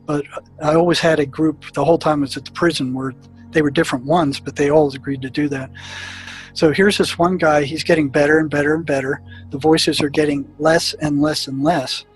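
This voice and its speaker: A man's voice: fairly high pitch, fairly even intonation, a little fast, faint music behind, rough recording. A man who worked as a therapist at a prison tells stories of past patients, often stumbling, repeating words and restarting. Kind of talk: storytelling recollection.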